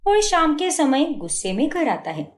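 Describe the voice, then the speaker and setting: High lively woman narrator. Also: normal speed. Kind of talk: storytelling narration.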